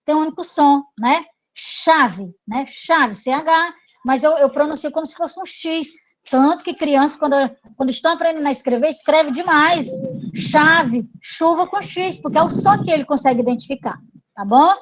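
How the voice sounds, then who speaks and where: Speaking at a moderate pace in a high voice, a woman with a Brazilian Portuguese accent teaches grammar online. She walks her students through the review with patience, giving repeated examples and asking how they're doing. The recording is low quality.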